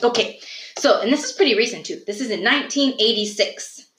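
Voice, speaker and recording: A young woman co-hosting a podcast, telling a folk tale in a rambling, animated way and laughing often. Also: on the high side, brisk, background noise. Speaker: podcast co-host. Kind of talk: casual storytelling chat. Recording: echoey room.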